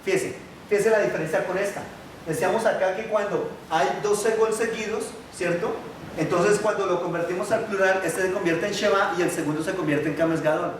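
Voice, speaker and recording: A man teaching a Biblical Hebrew class, patiently asking his students questions and pausing on fillers. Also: sits high, fairly even intonation, far from the mic, a little hiss or hum. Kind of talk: classroom lesson. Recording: echoey room, voice from afar.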